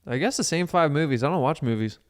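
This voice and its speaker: A young man from the US Midwest co-hosting a podcast, cracking dry, deadpan jokes and teasing his co-host. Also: a little high, fast. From Ohio, US. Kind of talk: casual chat.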